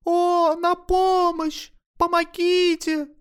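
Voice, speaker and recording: A man doing a shrill, frightened young woman. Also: flat delivery, very slow, fairly bright tone, faint music behind, exaggerated voice. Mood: desperate pleading. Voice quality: shrill falsetto. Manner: pleading, screaming. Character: terrified young woman crying for help.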